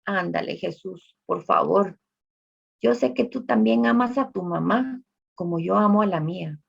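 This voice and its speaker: A woman's voice: medium pitch, unhurried, creaky, husky, exaggerated voice. A woman voicing a desperate five-year-old boy who begs for a miracle in a pleading, urgent voice. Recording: dull lo-fi recording.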